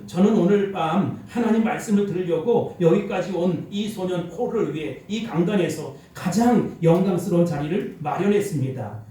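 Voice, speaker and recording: A man voicing a kind, gentle preacher who takes a crying boy by the hand, told within a sermon. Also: high voice. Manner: gentle, warm. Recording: echoey church hall, mic at distance.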